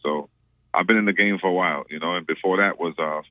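A man's voice: low voice, fast, no echo. A man from Trinidad, a reggae musician, chatting casually as a radio guest in a laid-back way, full of fillers and repeated words. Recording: dry tinny phone line.

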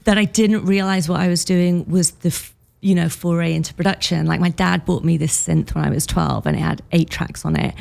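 A woman's voice: lowish voice, steady tone, fairly quick, vocal fry, darkish tone. A woman from Wales, a music producer, chatting candidly as a studio guest on a radio show and laughing often. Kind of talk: casual radio interview.

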